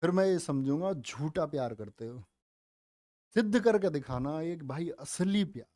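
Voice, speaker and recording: A man's voice: fairly high pitch, expressive, moderate pace, warm tone, no echo, studio quality. A man teaching a live online Hindi exam-prep class, coaxing his students, calling them dear children and brother, and asking questions that he answers himself.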